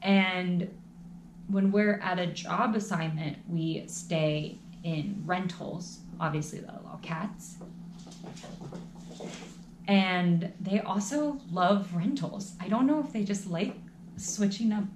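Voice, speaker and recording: In a fairly low, slow, slightly mellow voice, a young woman who makes travel vlogs talks casually from a small room at home. She drops "like" constantly, and the room is echoey with a faint hum of noise.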